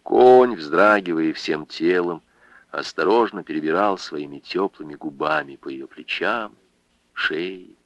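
A man narrating a literary novel as an audiobook, with an expressive, dramatic reading. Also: low voice, dry recording, dull audio. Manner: dramatic, emotive reading with big swings.

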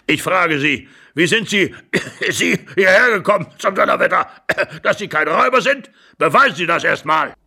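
A man voicing a fussy, excitable old husband who blusters hoarsely and shouts in agitation. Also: on the high side, fairly quick, voice pushed up. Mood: angry shouting.

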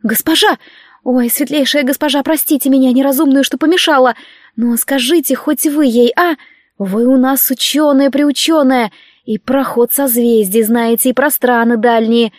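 A woman voicing a naive, excitable young servant girl who chatters breathlessly and pleads. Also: high voice, normal speed, no echo, studio quality, natural voice. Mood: eager pleading.

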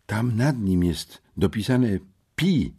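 A man's voice: on the low side, big pitch swings, slow, dark tone, slightly rough, voice pushed up, full character voice. A man voicing an anxious, eager teenage boy in an audiobook, pressing urgently. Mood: prodding. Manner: urgent, pleading. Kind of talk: audiobook character voice.

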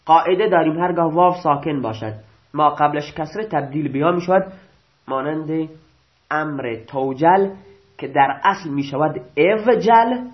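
A male teacher giving a grammar lecture, reading out rules and restating them slowly, often asking and answering his own questions. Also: on the high side. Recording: dull lo-fi recording.

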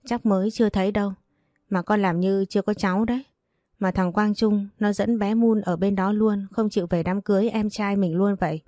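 A woman's voice: mid-range voice, steady tone, a little fast, mellow, dry recording, clean studio sound, close to an everyday voice. A woman voicing a blunt, teasing elderly grandmother in a read-aloud storybook.

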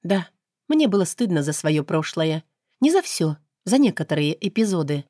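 A woman narrating an audiobook in the first person, with steady, measured storytelling. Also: on the low side, dry recording, clean studio sound.

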